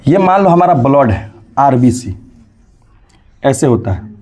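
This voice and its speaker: A man's voice: medium pitch, sing-song, a little slow, darkish tone. A young male teacher giving a classroom lecture, often asking the class questions and acting out the body with sound effects.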